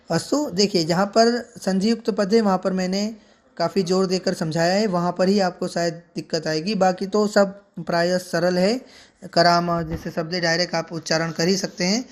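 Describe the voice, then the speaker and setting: A man teaching Sanskrit mantra pronunciation, chanting each word slowly and carefully, then explaining in speech. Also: high voice. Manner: slow deliberate chanting of each syllable, then quicker explanation.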